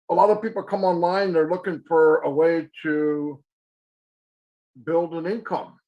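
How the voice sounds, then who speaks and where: A man in his sixties, with a voice a little higher than most men's, presents as a guest speaker on a video call. He talks plenty, jokes about himself, and restarts his sentences as he goes. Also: dull audio. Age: 60s. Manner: chatty, self-deprecating, restarts sentences. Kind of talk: casual presentation.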